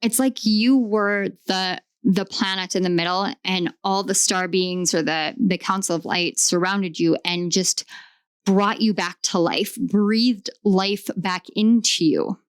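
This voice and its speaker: A woman giving a channeled tarot reading, talking with eager enthusiasm and often pausing to search for the right words. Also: medium pitch, fairly even intonation, clean tone, no room sound, studio quality. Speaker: tarot reader.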